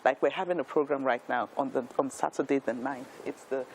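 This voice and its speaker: A woman's voice: very deep voice, brisk, darkish tone, a little hiss or hum, rough recording. A Nigerian woman in her fifties, a talk show guest telling her life story in an earnest, emphatic way, with frequent restarts. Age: 50s.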